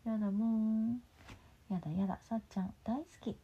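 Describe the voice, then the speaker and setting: A woman's voice: a little high, steady tone, normal speed, pitched above the performer's own voice, natural voice. A woman reading aloud and voicing a mischievous little ghost that loves tantrums, in a playful, teasing way. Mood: gleeful. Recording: muffled lo-fi with faint hiss.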